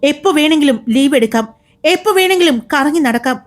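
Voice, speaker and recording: A woman voicing an angry young male hospital doctor who scolds a nurse with sharp questions in a storybook reading. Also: high-pitched, animated, a little fast, soft background music. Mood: stern.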